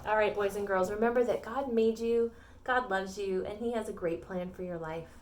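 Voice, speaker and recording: A woman's voice: mid-range voice, normal speed, a little hiss or hum. Playful woman teaching kids' Sunday school. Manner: animated, playful, talks directly to children. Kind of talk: children's Bible lesson with props.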